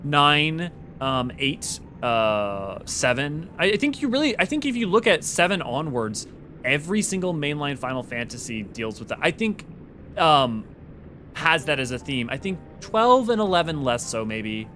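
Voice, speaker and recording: Male streamer, casual chat with viewers; lively, bouncing delivery, keeps restarting sentences. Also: fairly high pitch, slight background noise. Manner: excitable, rambling, quick restarts. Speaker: livestream host. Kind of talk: casual livestream chat reading viewer comments.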